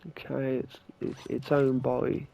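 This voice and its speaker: A man's voice: medium pitch, monotone, slow pace, gravelly. A young man casually telling a story while gaming, rambling and swearing as he retells what happened. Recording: loud game gunfire behind the voice.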